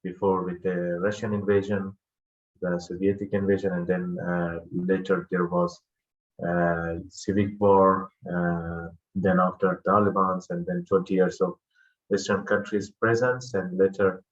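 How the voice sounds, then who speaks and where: A man from Afghanistan speaking as a guest on an online panel, with many pauses and fillers, over a video call. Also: deep voice, flat delivery, muffled recording.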